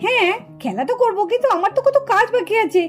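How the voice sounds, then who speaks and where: Brief: woman voicing a calm puppet-show mother, soothing, very high voice. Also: fast, soft background music. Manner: soothing, puzzled questioning. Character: busy, patient young mother, calm.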